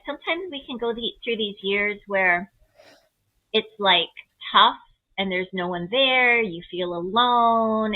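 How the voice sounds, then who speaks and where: Over narrow, tinny audio, a woman with a mid-range voice explains a chart reading as an astrologer. She keeps it conversational, gentle, and encouraging, leaning on simple analogies.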